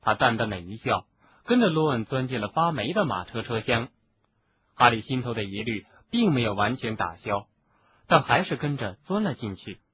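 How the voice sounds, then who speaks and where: A man narrating an audiobook in an expressive storytelling manner. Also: mid-range voice, normal speed. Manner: expressive, doing voices for each character. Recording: narrow phone-like sound, faint hiss.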